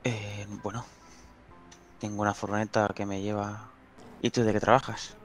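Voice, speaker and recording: A man's voice: lowish voice, flat delivery, normal speed, faint music behind. A man from in casual game role-play, talking in an easygoing, reassuring way. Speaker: player in online role-play.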